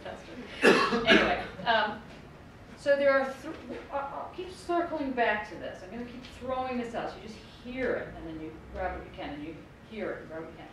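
This middle-aged professor from the United States has a slightly high, fairly bright voice with lively intonation and a brisk pace. She lectures conversationally and wryly, circling back to ideas, while a distant mic captures the echo and background noise of the lecture room.

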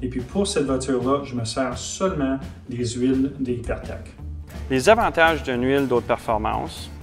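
A man in his thirties with a Québécois accent, talking earnestly about building cars, with some halting restarts. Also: medium pitch, faint music behind. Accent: Québécois French. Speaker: car builder. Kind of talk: casual interview.

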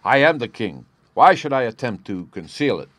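A man's voice: medium pitch, expressive, brisk, a bit bright, no room sound, pitched above the performer's own voice, lightly acted. A man voicing a proud, agitated king of about thirty in an audiobook story, with a formal, grandiose and emphatic manner. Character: proud agitated thirty-year-old nobleman, a masked Bohemian king.

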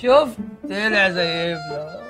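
A man's voice: high voice, animated, measured pace, pushed and bright, soft background music. A man, trading teasing, singsong banter in a comedy sketch. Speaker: comic actor in a sketch.

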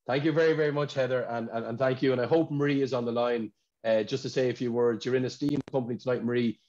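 A man's voice: medium pitch, steady tone, quick pace, a little mellow. Irish man hosting an online awards call. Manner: chatty, repeats words when searching for them. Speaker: awards ceremony host. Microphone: video call. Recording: dull lo-fi video call audio.

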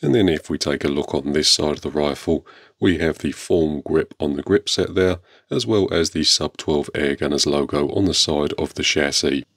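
A man with an exceptionally deep voice narrates a product showcase for his viewers. His delivery is measured, polite and understated. The sound is close and dry, with very little room. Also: fairly bright tone, no room sound. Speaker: YouTube airgun channel host.

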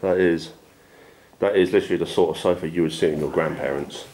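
Man, low voice, crude jokey banter, exploring derelict house, faint hiss. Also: fast talker, a little mellow. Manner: joking, crude, swears freely. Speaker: urban explorer. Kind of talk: casual banter while exploring. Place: abandoned house indoors.

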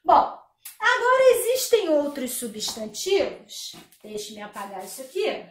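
Lady teacher going slow over grammar, kinda far from the mic, echoey room. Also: high-pitched, sing-song. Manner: explains step by step, asks the class rhetorical questions. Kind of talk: grammar lesson.

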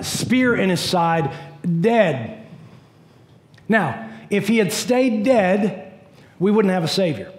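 Middle-aged pastor guy preaching on a church stage, fairly high voice, lots of energy. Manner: animated preaching, pacing the stage with wide gestures. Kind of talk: sermon. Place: church stage in a large dim hall.

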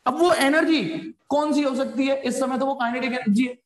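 Brief: very high-voiced male tutor, jokey and pushy, echoey room. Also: steady tone, a little fast. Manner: playful, jokey, coaxing students to answer. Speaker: physics teacher. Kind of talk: live online class lecture.

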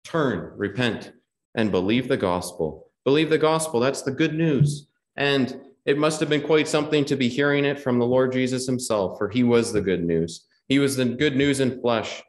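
A man of middle pitch preaches an earnest gospel sermon, circling back to the same phrases and quoting scripture in old-fashioned wording. The voice rings in a roomy, echoey hall. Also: moderate pace, hardly any pauses.

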